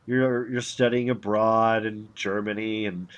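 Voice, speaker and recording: A man co-hosting a podcast in casual chat, joking around and mumbling quietly while he draws. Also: fairly low pitch, fairly even intonation, a little slow, clear, resonant tone, muffled recording. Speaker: podcast co-host and artist.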